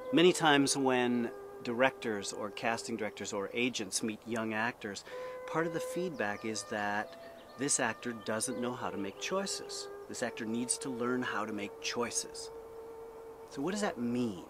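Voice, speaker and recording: Lecturing like a drama teacher, a man teaches acting in an emphatic, deliberate manner, posing rhetorical questions along the way. His voice is medium-pitched.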